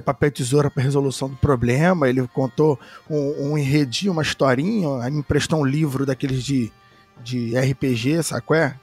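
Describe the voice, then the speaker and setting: A man's voice: mid-range voice, breathy edge. A man in his thirties with a Brazilian Portuguese accent, chatting and telling stories casually as a podcast guest. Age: 30s. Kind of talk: casual storytelling chat.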